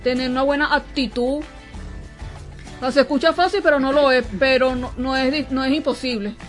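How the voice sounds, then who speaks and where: A Venezuelan woman co-hosts a radio talk show with a notably high voice. She speaks in halting bits, pausing to find words. Faint music runs behind her. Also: fairly even intonation. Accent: Venezuelan Spanish. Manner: hesitant, halting, searches for words. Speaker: radio co-host. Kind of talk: casual studio chat.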